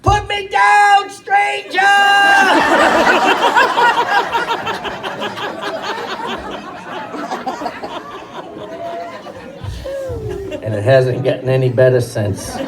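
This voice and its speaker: A man doing stand-up, telling animated stories about his kids and acting out their voices. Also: on the high side. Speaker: stand-up comedian and father. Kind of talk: stand-up storytelling. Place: comedy stage before a live crowd. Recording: distant stage mic, audience laughing.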